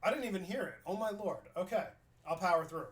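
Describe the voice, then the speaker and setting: A New York man chats casually over gameplay footage he's reviewing, thinking aloud and restarting sentences. His voice sits high, and he talks fast and animatedly.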